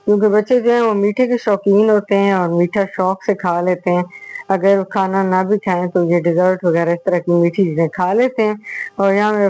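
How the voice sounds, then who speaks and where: A middle-aged woman chatting through a voice-over for her home vlog, unhurried, with drawn-out fillers between thoughts, recorded close on a small mic. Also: mid-range voice, darkish tone, dry recording, poor audio. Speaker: vlogger, host. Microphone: voice-over on a small clip-on mic.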